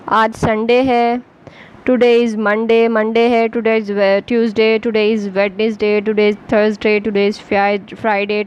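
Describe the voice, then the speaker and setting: This beginner English lesson is taught by a woman with an Urdu accent who spells words out letter by letter, speaking slowly and with patience. She has a higher-pitched voice, and the audio is poor.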